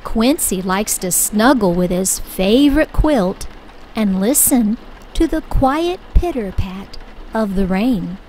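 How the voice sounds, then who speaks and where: A woman reading a children's picture book aloud with clear, expressive storytelling. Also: medium pitch, slow pace, slight background noise. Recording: soft music bed underneath.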